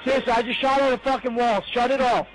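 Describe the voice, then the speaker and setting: Breathless shouting man, very high voice. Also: steady tone, quick pace, faint music behind, low-quality recording. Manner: laughing helplessly, yelling, gasping for breath; heavy swearing. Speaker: gamer in voice chat. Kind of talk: casual gaming banter. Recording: loud background noise.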